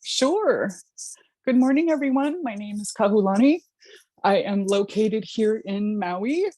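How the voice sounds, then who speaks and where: A woman's voice: medium pitch, expressive, measured pace, mellow, no room sound. A woman talking in a gushing, grateful way on a live video call as a light language practitioner. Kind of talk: casual spiritual chat.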